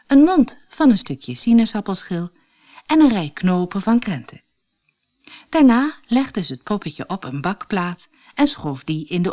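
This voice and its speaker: A woman from the Netherlands narrating a children's fairy tale audiobook in an expressive way. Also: lowish voice.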